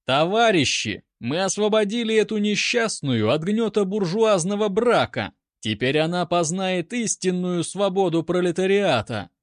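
A man's voice: sits high, big pitch swings, a little slow, pitched above the performer's own voice. A man doing a barking, swaggering commissar. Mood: declaiming. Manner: barking, declamatory, mock-ironic.

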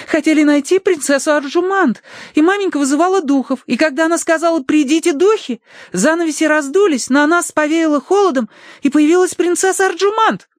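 A man's voice: fairly quick, no echo, clean studio sound. A man voicing a sweet, gushing young lady who slips into cooing baby talk, read as an audiobook character. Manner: high breathless gushing, lisping baby talk.

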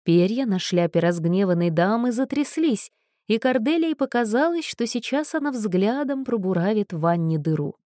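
A woman narrating an audiobook story in a measured, expressive reading. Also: medium pitch, dry recording, clean studio sound. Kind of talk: scripted narration.

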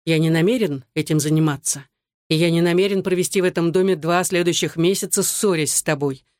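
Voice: medium pitch, fairly quick, a little mellow, no room sound, studio quality, close to an everyday voice. An audiobook reader voicing a defiant young man just out of military academy, arguing in a raised voice. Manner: argumentative, raised voice. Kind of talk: audiobook reading.

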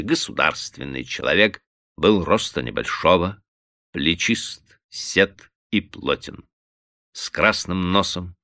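A man reading a classic story aloud as narration, in an expressive, measured storytelling manner. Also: deep voice, no room sound, clean studio sound. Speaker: audiobook reader. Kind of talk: scripted narration.

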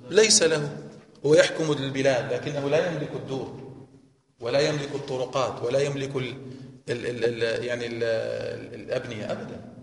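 Sheikh teaching in an echoey hall. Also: male voice, medium pitch. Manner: questioning, repeats key phrases. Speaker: sheikh teaching Quran commentary. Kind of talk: mosque lesson. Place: mosque hall. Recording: echoey hall, faint noise.

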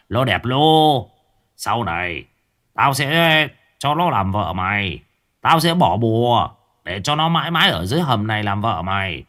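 A man's voice: on the low side, big pitch swings, measured pace, a bit bright. A man voicing a cackling vengeful old sorcerer. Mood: gloating. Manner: gleeful cackling, menacing taunts.

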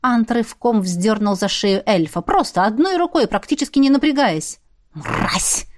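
A woman reading a first-person fantasy novel aloud in a wry, lively way. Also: on the high side, normal speed. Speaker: audiobook reader.

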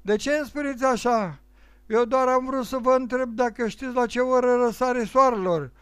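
A man's voice: very high voice, fairly bright tone, clear, resonant tone, no echo, pitched above the performer's own voice. A man voicing a thin-voiced irritable woman. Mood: irritated.

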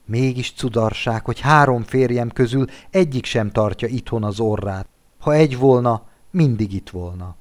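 A proud, self-pitying aging woman in a storybook, voiced by a man who reads the tale, her voice lifted high and plaintive. She sounds weary and injured, then turns stern. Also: natural voice. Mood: grumbling.

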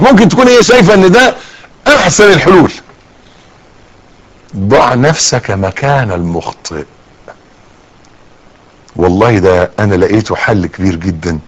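A middle-aged Egyptian preacher delivers a sermon in a fairly high, very animated voice. He jumps up and drops low as he acts out everyday scenes. His talk sounds lively and conversational. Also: poor audio. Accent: Egyptian Arabic. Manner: lively, acts out little scenes with rising and falling voice.

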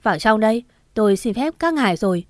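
A woman storyteller voicing an elderly spirit medium who speaks in a flat, unhurried way. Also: on the high side, dry recording, clean studio sound, lightly acted. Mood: calm. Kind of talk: audiobook story reading.

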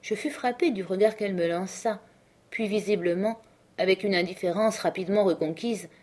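A woman reading a classic novel aloud in a measured, composed narration. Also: mid-range voice, a little mellow. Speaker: audiobook reader. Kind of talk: scripted narration.

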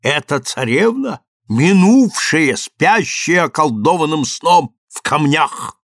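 A man reading a story aloud as a narrator, in a measured, expressive storytelling manner. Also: a little high, no echo, clean studio sound. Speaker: audiobook narrator. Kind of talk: scripted narration.

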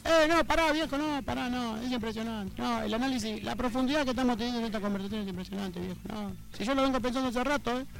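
A man playing an excited young male friend in a radio promo, chattering fast with a Rioplatense accent. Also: very high-pitched, gravelly, faint music behind, pitched above the performer's own voice, exaggerated voice, poor audio. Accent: Rioplatense Spanish. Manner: rapid excited chatter, repeats "viejo".

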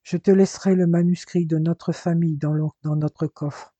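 A man's voice: on the high side, steady tone, normal speed, warm tone, no room sound, muffled recording, close to an everyday voice. A man voicing a weary old father worn down by grief, speaking in a subdued, resigned way. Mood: solemn.

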